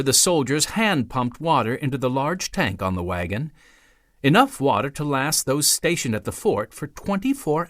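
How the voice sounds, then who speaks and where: A man narrating a biography audiobook in a measured storytelling manner with dramatic pauses. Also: mid-range voice, a bit bright, dry recording, studio quality. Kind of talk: scripted narration.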